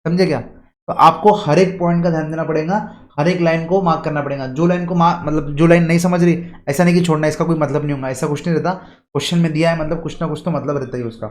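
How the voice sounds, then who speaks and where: A man's voice: on the high side, steady tone, a little mellow. Man, tutor, repeats and quizzes students, roomy echo. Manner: explains step by step, repeats key lines, asks students questions; reads English lines slowly and stretched out. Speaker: teacher. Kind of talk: exam coaching lecture.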